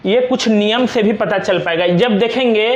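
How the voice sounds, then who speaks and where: A young man teaching a grammar lesson, slowly and patiently repeating each example word. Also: sits high, echoey room, lo-fi sound. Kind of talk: classroom lesson explaining examples on a board.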